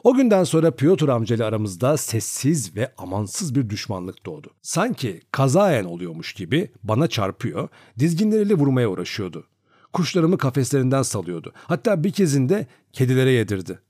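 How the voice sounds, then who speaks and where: A man's voice: medium pitch, moderate pace, slightly rough, dry recording, clean studio sound. A man narrating a classic novel as an audiobook, reading expressively. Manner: expressive storytelling.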